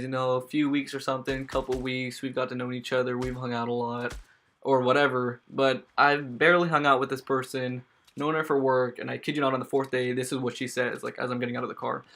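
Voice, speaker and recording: A man's voice: mid-range voice, steady tone, a little fast, a bit bright, a little hiss or hum. A young man casually telling a storytime tale as a vlogger, slangy and emphatic, with stammering restarts.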